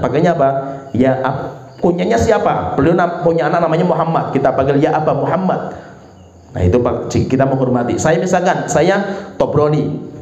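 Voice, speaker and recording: A man giving a religious lecture at a home study gathering, lively, full of rhetorical questions and repeated tag words. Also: on the high side, echoey room, highs cut off. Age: adult with a son. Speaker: Islamic preacher.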